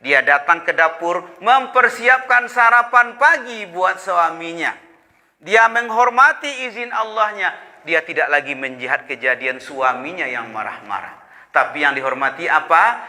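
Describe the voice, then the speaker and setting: Male preacher, bright forceful voice, lively storytelling in a reverberant mosque hall. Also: on the high side, measured pace. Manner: animated storytelling, acting out congregants' voices. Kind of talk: Ramadan sermon.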